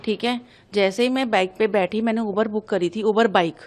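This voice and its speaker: A woman's voice: medium pitch, steady tone. A young woman giving an urgent, agitated account of an incident to a news reporter. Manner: urgent, agitated, hurried retelling. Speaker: interviewee recounting an incident. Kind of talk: emotional news testimony.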